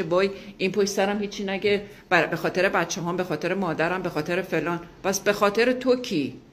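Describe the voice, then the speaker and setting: A woman's voice: mid-range voice, a bit bright. A woman giving a motivational talk, speaking emphatically and asking her listeners rhetorical questions.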